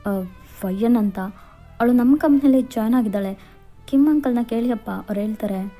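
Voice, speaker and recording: A woman's voice: a little high, moderate pace, dark tone, soft background music. A woman voicing an anxious young man who urgently worries about his missing girlfriend in a fan fiction voiceover. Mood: worried.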